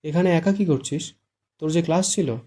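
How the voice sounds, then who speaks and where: A man's voice: fairly high pitch, fairly quick, mellow, lightly acted. A man voicing a teasing, chatty young female student friend in an audiobook. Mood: surprised.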